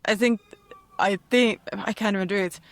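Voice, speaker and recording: A Finnish woman with a light accent co-hosts a casual podcast over a video call, her mid-range voice fairly even in intonation and at normal speed, with no echo. Giggly and playful, she keeps chiming in to agree.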